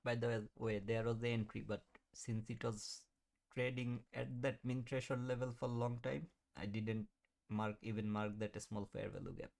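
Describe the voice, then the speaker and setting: A man's voice: lowish voice, little pitch movement, moderate pace, vocal fry, darkish tone. A man in his thirties hosting a live trading stream, chatting casually, answering viewers and laughing often. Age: 30s. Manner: mutters at the chart while watching. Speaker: trading livestream host.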